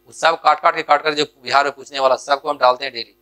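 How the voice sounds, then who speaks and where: A man coaching exam students, firing off questions and answering them himself. His voice is bright and forceful, a little high for a man. He keeps urging his students on at a rapid clip. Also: fairly even intonation, smooth. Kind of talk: exam strategy lesson.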